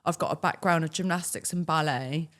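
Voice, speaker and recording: A woman's voice: low-pitched, brisk. A young woman, a podcast guest telling casual stories with quoted dialogue and frequent laughs. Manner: lively, laughs often, acts out quoted dialogue. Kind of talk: casual storytelling.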